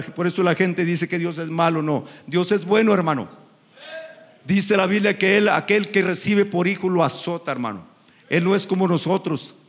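Male preacher, middle-aged, gravelly high voice, fervent sermon, echoing hall. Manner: impassioned, repeats "hermano" often; rises into sung, shouted cadences. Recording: echoey hall reverb.

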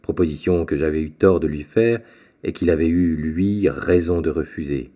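A man voicing an earnest, respectful young sailor in an audiobook, speaking a little higher than his own narration. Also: normal speed, mellow.

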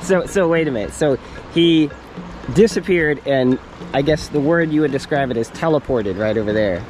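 A man's voice: a little high, moderate pace, darkish tone, faint music behind, low-quality recording. A man hosting a casual outdoor vlog by the sea, chatting and reacting with enthusiasm. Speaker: outdoor adventure host. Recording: outdoor wind and boat-like ambient noise.

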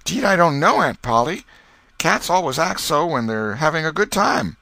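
A man's voice: a little high, sing-song, moderate pace, vocal fry, sharp tone, no room sound, voice pushed up, full character voice. A man voicing a mischievous young boy in a storybook, with a rustic American accent and playful mock innocence. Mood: nervous, evasive. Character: mischievous, cheeky young boy with folksy speech.

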